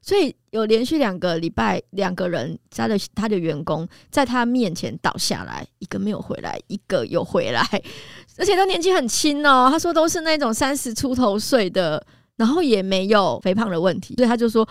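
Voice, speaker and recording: Chatty woman with lively pitch. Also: no echo, clean studio sound. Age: 40s. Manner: conversational, many drawn-out sentence particles. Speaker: nutritionist host. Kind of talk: chatty health talk with personal stories.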